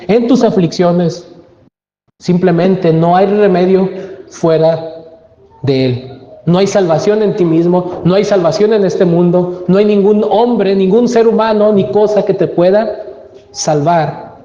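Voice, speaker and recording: A man's voice: high-pitched, warm tone, echoey room, long reverb tail, lo-fi sound. A man preaching a sermon as pastor, emphatic and full of rhetorical questions. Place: church.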